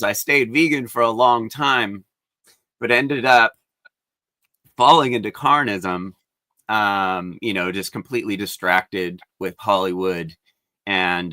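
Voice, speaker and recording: A man in his forties hosting a podcast, talking in a relaxed, rambling way full of fillers. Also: fairly low pitch, no room sound. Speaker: podcast host. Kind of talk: casual interview conversation.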